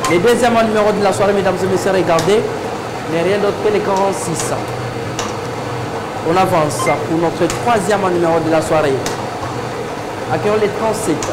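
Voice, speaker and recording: A man's voice: high-pitched, background noise. A man with a Congolese French accent presenting a lottery draw like a bingo caller, calling numbers with formal, ceremonious address.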